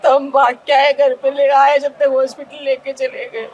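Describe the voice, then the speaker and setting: A woman with a high voice speaks in distraught, broken bursts, tearful and pleading. There is faint noise around her in the open air. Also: level tone, moderate pace, a little mellow, muffled recording. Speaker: victim's relative. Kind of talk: emotional interview answers. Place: outdoors by a police station.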